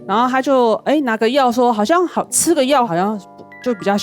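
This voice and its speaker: A woman, an intensive care nurse, telling a hospital story as a guest on a TV talk show, earnest and animated. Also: a little high, fairly quick, faint music behind.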